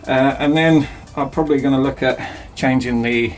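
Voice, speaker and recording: A man's voice: medium pitch, fairly even intonation, moderate pace, faint music behind. A man chatting casually and self-mockingly as he rambles through a DIY project in his cramped home workshop. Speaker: DIY video host.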